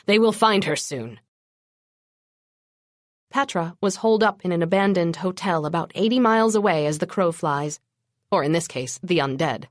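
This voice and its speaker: A woman narrating an urban fantasy audiobook in the first person, with a wry, brisk storytelling manner. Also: lowish voice, no room sound, clean studio sound.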